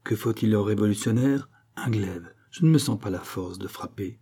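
Dark, calm, resigned king. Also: fairly low pitch, moderate pace, breathy edge. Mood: weary calm. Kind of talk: audiobook character reading.

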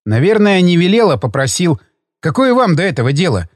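A man's voice: high-pitched, sing-song, brisk, no echo, clean studio sound. A man reading an audiobook, voicing a defiant young husband who answers back curtly. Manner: curt, defiant retorts. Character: defiant young husband, stubborn and sharp-tongued.

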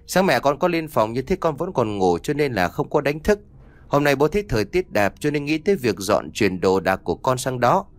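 A man's voice: mid-range voice, sing-song, fairly quick, natural voice. A man reading the lines of a cheerful, doting middle-aged father in an audiobook, talking in a chatty, fatherly way.

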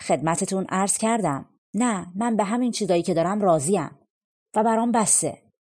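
A woman's voice: medium pitch, a little mellow, close to an everyday voice. A woman doing a cheerful young vine pruner. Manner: polite, humble and content.

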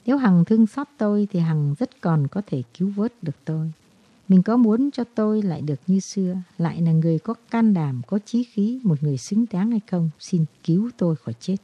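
A woman's voice: fairly low pitch, moderate pace, dry recording. A woman reading a desperate lovesick young man. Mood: pleading. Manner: earnest, pleading, melodramatic delivery. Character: heartbroken young man pleading with lost love. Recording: dull, dry lo-fi recording.

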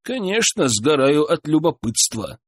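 A man voicing a calm, polite, curious middle-aged traveller in an audiobook. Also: a little high, a little slow.

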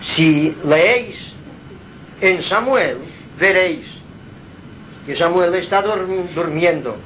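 Slow-speaking man preaching at home. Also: sits high, lively intonation, a bit bright, a little hiss or hum, poor audio. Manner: slow, deliberate preaching with rhetorical questions. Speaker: spiritual teacher hosting gatherings. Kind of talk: informal spiritual talk. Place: his home. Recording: live home gathering.

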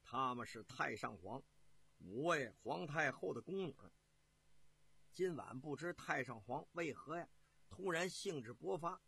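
A man telling a historical tale in a traditional storytelling performance, with animated, chatty asides to his listeners. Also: fairly high pitch, husky, dry recording.

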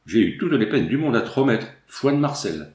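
A man voicing a loud, jovial young country soldier who talks bluntly and boisterously. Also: big pitch swings, fairly quick, reverberant, lightly acted. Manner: boisterous, booming country talk.

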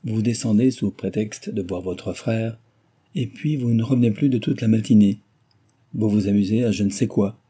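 A man's voice: on the low side, normal speed, warm tone, husky. A man voicing a garrulous, complaining middle-aged mother in a novel reading. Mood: peevish, rambling. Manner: rambling, complaining.

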